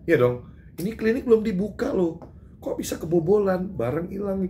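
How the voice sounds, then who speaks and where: A man's voice: sits high, animated, moderate pace, warm tone. An Indonesian man makes an emphatic statement to reporters, his voice rising as he drives each point home. He stumbles over fillers and restarts. A faint noise sits behind him. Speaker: public figure giving a press statement. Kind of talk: doorstop interview with reporters.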